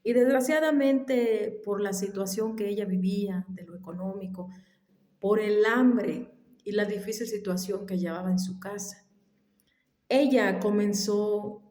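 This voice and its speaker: In an echoey room, a woman with a medium-pitched voice tells a family story casually and without hurry. She pauses now and then, slips into soft whispered asides, and mentions that she has allergies.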